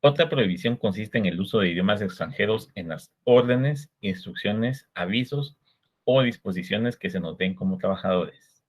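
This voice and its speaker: A husky, somewhat low-pitched Guatemalan man lectures on law in a Guatemalan Spanish accent. Measured in his explanations, he poses rhetorical questions to the class, and the recording is dull and lo-fi.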